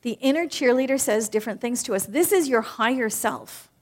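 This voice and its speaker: A woman speaking to a group as a spiritual speaker, leading a guided reflection. She moves between emphatic phrases and soft, hushed ones. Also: a little high, lively intonation, fairly quick. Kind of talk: guided reflection in a live talk.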